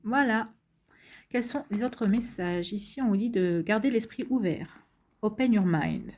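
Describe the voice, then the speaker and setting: A middle-aged woman talks viewers through a card reading in a relaxed, chatty way. Her voice is mellow and warm, and she keeps reassuring them, with plenty of hesitations and restarts. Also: on the high side, measured pace. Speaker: tarot card reader.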